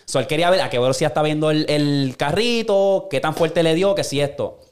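A man retells a story in loose podcast chat, bouncing into quick put-on voices for the people in it. His voice sits a little high and he swears freely as he talks. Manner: animated storyteller, acts out quoted voices, swears a lot. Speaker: podcast co-host. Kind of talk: casual chat.

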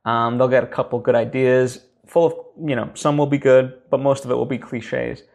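Young man, podcast host, gravelly, casual teaching talk, rambling with restarts. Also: mid-range voice, little pitch movement, normal speed, darkish tone. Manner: rambling, full of fillers and restarts.

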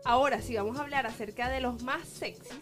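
A woman joins a podcast chat, talking hesitantly with fillers and restarts. Her voice sits a touch high, and music plays clearly in the background. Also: brisk. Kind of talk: casual chat.

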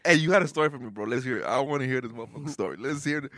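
A man's voice: medium pitch, racing, a bit bright. A young man bantering casually as a podcast host in slangy, sweary frat-bro talk.

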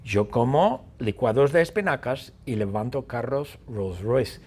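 Un hombre que narra un cuento absurdo de forma juguetona y repetitiva. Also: male voice, mid-range voice, a little slow, husky. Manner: playful, repetitive, animated. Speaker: storyteller. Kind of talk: playful story narration.

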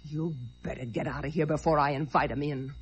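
A woman's voice: sits low, steady tone, a little fast, husky. An actress playing a bitter, scornful woman fed up with her man in a 1940s radio drama, sarcastic and cutting. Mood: cold. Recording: dull lo-fi old radio recording.

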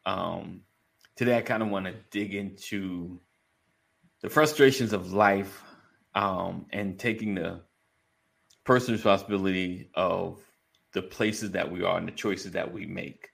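A deep, creaky, slightly bright voice carries steady and unhurried as this man hosts a live online show for a men's community. He trades jokes with his audience in morning radio DJ style, using colloquial, informal phrasing and greeting listeners by name.

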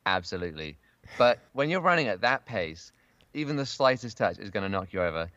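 A man with an English accent and a hoarse, worn-out voice, chatting casually as a podcast guest from inside a closet. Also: on the low side, big pitch swings, brisk, a bit bright, no room sound. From England. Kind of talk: casual chat. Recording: dull lo-fi remote recording.

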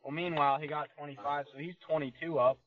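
A man's voice: fairly high pitch, fairly even intonation, quick pace. A man, a race car driver guest, chatting casually on a podcast, rambling with lots of fillers and laughs. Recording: muffled lo-fi podcast audio.

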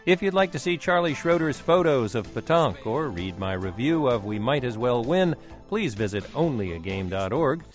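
Guy doing public radio host stuff, dry humor, real lively pitch, bit of music. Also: normal speed. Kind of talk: scripted public radio narration.

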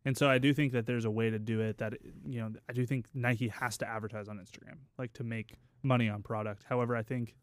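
A man co-hosting a podcast who talks in a calm, measured way at a middle pitch. He weighs his words as he makes a point. The sound is dry and close. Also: no room sound. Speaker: podcast co-host. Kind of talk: casual podcast chat.

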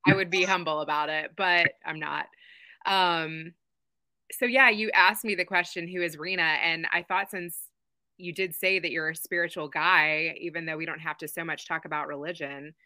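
Bright, sharp-voiced woman guest from Kentucky. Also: low voice, fairly even intonation, normal speed, no room sound. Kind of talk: casual conversation.

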